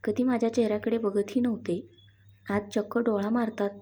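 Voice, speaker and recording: A woman's voice: a little high, little pitch movement, brisk, warm tone, husky. A woman voicing a shy, stubborn young bride who sulks and pleads. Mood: sulky. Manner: sulky and pleading.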